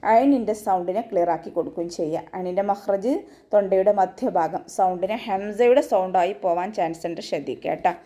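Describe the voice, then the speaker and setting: A woman teaches an online tajweed recitation class in a warm, mid-pitched, methodical voice, giving steady step-by-step instruction that often closes with a gentle check-in. For verse examples, she shifts into slow, high, sustained chanting.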